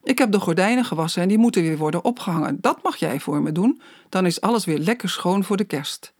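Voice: medium pitch, animated, fast, no room sound, studio quality. A reader voicing a fretful, caring grandmother. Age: older. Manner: soft, fretful. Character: worried grandmother, fussy and caring.

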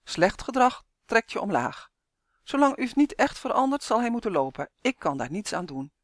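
A woman's voice: a little high, sing-song, normal speed, no echo, clean studio sound, pitched above the performer's own voice. A woman voicing a tall, wise male elf who speaks firmly and without yielding, in a storybook reading. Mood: calm. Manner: firm, unyielding.

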